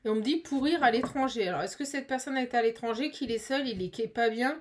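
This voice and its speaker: A woman giving a casual, chatty tarot card reading, animated and full of fillers. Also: on the high side, fast, slight background noise.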